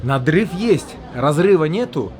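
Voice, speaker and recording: A man's voice: on the high side, lively intonation, unhurried, over music. A man, a fighter, talking casually and colloquially in short bursts in an interview. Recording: noisy crowd behind voice.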